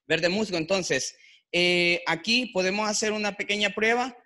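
A man, an artisan guest, explaining a natural dyeing technique to a workshop group, often pausing with fillers as he thinks. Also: high-pitched, fairly even intonation, bright, forceful tone. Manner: explanatory, hesitant, fills pauses with "eh" and "este". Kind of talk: demonstration talk. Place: workshop room with attendees.

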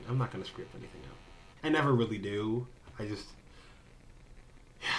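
A man's voice: medium pitch, bright, forceful tone, slight background noise. Rambling young man vlogging casually. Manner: rambling, self-interrupting, jokey. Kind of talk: casual direct-to-camera vlog.

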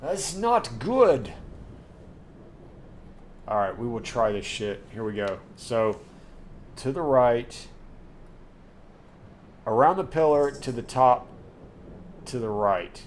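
Speaking slowly at medium pitch with long pauses, a man livestreams gameplay from his desk at home, and a little hiss or hum is audible. He chats directly with viewers, swears, and gets riled up easily.

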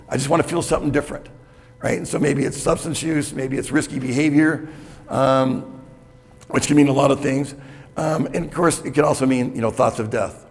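Gravelly man giving a keynote talk. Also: mid-range voice. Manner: candid, conversational, with frequent "okay?" check-ins. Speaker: keynote speaker. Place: hotel conference room with audience. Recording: reverberant conference hall.

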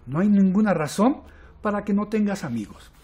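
A man voicing a loving, patient father in a children's storybook, speaking in a warm, consoling way. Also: sits high, animated, moderate pace. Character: loving, reassuring father blob.

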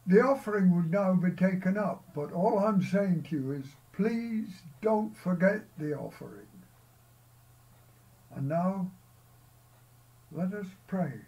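An older man from Scotland leading a church service, delivering prayers and a short sermon in a solemn, measured way, recorded by a far camera outdoors in a field. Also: high voice, lively intonation, dark tone.

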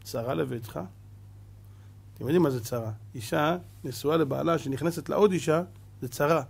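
A rabbi preaching a sermon, animated and full of rhetorical questions to his listeners. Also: on the high side, gravelly, slightly rough.

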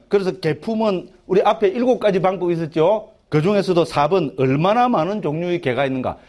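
This is a middle-aged man's fairly high, somewhat dark voice, speaking with a Gyeongsang Korean accent. He's a monk lecturing a class on a Buddhist text in a chatty way, repeatedly checking "right?" with the students and restarting sentences.

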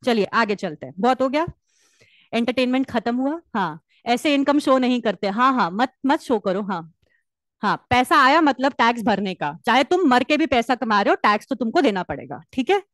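A woman teacher giving a lively, teasing classroom lecture, switching between two languages and joking with students. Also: a little high, moderate pace, no room sound. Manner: lively, teasing, mixes Hindi and English.

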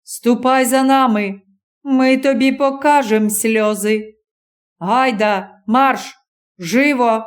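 A gruff mounted guard barks curt, commanding orders, as a woman narrator acts him out. The words come slow and clipped. It is an audiobook reading. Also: fairly high pitch.

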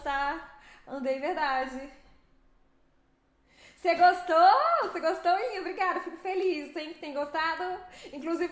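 A young Brazilian woman streaming a driving game, chatting with viewers in a lively, fast way and laughing often. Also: very high-pitched, echoey room. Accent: Brazilian Portuguese. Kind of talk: live stream chat with viewers.

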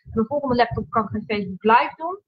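A woman hosting a casual live stream from home, talking in a halting way with many fillers and restarts. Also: on the high side, a little hiss or hum. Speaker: livestream host, coach. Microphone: laptop. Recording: dull lo-fi laptop audio.

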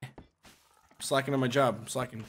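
A man's voice: mid-range voice, fairly even intonation, fairly quick, gravelly, a little hiss or hum. A man hosting a gaming channel, giving casual gameplay commentary with joking instructions and frequent laughter.

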